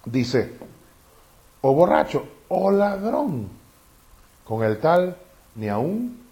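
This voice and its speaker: A man's voice: a little high, drawn-out words. A man preaching a sermon, often asking the congregation questions. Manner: animated, asks the congregation questions.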